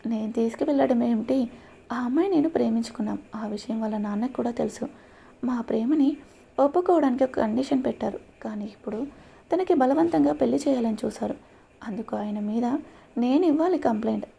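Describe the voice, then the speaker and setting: A woman's voice: on the high side, a little fast, gravelly, slightly rough. A woman voicing a young man in love who pleads and protests angrily to the police. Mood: upset, pleading. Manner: pleading, then shouting in protest. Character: young man in love, Surya, desperate and defiant.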